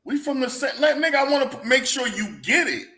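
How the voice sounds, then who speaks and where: A man's voice: very high-pitched, animated, a little fast, pushed and bright. A man from Brooklyn co-hosting a gaming podcast, telling stories with laughs and dodging questions. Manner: laughing, evasive storyteller. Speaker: podcast co-host. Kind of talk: casual gaming podcast banter. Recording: echoey room.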